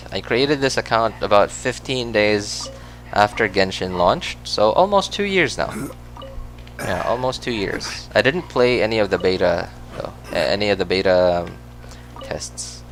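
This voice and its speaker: Chatting loosely while gaming, a Filipino-accented man from the Philippines whose first language is Cebuano wanders through his thoughts, full of fillers and corrections of himself. He streams games, and his low voice has a slight brightness. There's a bit of background noise.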